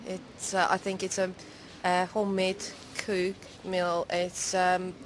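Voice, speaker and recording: A woman's voice: lowish voice, monotone, slow, background noise. A woman from Hungary, giving frank opinions in a street interview.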